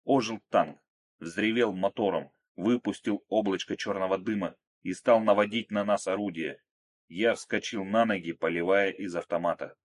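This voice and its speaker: A man narrating an action story in a steady, measured, dramatic reading. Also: low voice. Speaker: audiobook narrator.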